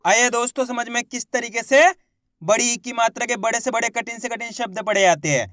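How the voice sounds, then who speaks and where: A man's voice: very high voice, a little fast, fairly bright tone, dry recording, clean studio sound. A man teaching beginners to read Hindi. He sounds out each word one syllable at a time, blends the syllables into the whole word, and encourages the viewers as friends. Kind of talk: reading lesson for beginners.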